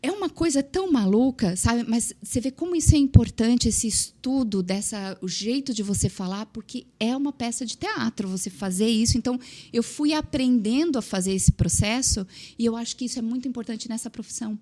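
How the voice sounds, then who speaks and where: A woman's voice: a little high, brisk, dark tone. Chatty Brazilian woman telling a story. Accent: Brazilian Portuguese. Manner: frequent tag questions and filler words. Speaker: podcast guest, TV producer. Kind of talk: casual interview storytelling.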